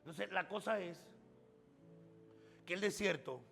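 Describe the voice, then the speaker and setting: A man's voice: sits high, a little slow, creaky, fairly bright tone, long reverb tail, faint music behind. A man preaching a sermon as pastor, building up through emphatic repeated phrases. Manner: preaching with rising, emphatic repetition.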